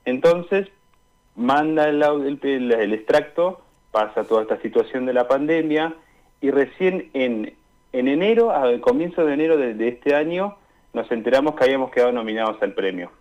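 Over dull, lo-fi call audio, a young Argentine guest answers a radio interview remotely in a casual way, hesitating as he hunts for words. He speaks at normal speed in an expressive, medium-pitched voice.

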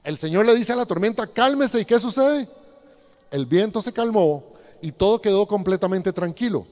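A man's voice: sits high, lively intonation, normal speed, darkish tone. A man preaching a sermon, speaking directly to his congregation and asking them rhetorical questions. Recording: long hall reverb.

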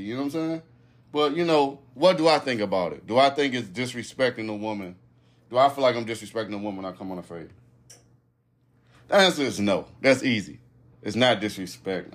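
A man hosting a podcast, telling a story in casual, profane slang and often asking "you know what I'm saying". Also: mid-range voice. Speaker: podcast host.

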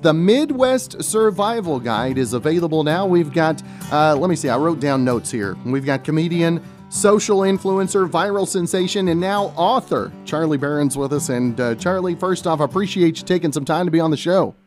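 A man's voice: fairly high pitch, animated, moderate pace, hardly any pauses, darkish tone, soft background music. A male radio host reading scripted intros, then asking chatty interview questions and often repeating words as he goes.

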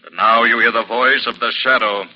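A man's voice: medium pitch, fairly even intonation, a little fast, close to an everyday voice. The Shadow: a man playing a stern invisible avenger. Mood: commanding. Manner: commanding, ominous. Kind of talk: 1940s radio acting. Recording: muffled old 1940s radio broadcast.

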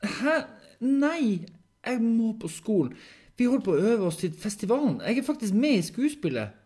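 A man's voice: mid-range voice, very animated, warm tone, voice pushed up. A man voicing a confused schoolboy in an audiobook story, hesitant and stammering. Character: confused schoolboy, dazed and uneasy.

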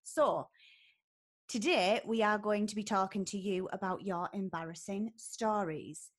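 A woman hosts a casual, chatty podcast. Her pitch is average for a woman. She talks in a breezy, jokey manner, as if among mates. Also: unhurried. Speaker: podcast host.

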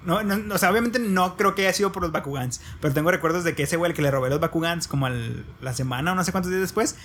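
A man's voice: on the high side, fast talker, a bit bright, slight background noise. A young man with a Mexican accent telling a funny story in slangy, casual chat. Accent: Mexican Spanish. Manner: slangy storytelling, laughing asides.

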